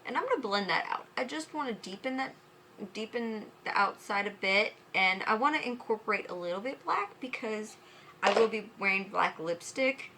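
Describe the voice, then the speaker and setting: A woman's voice: mid-range voice, lively intonation, moderate pace, bright, forceful tone, a little hiss or hum. A drunk woman giving a casual, chatty makeup tutorial, fumbling and tripping over her words as she goes.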